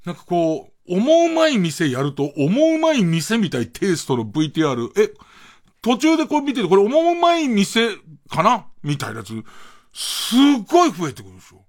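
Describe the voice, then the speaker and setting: A man's voice: high voice, huge pitch swings, fairly quick, a little mellow. A middle-aged man hosting a late-night radio show, rambling through a monologue and laughing between remarks, close on a studio mic.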